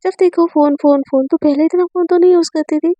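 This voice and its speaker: A woman's voice: extremely high pitch, fairly even intonation, fast talker, dark tone, no echo, muffled recording. A woman voicing a nosy but caring young older brother. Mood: prying.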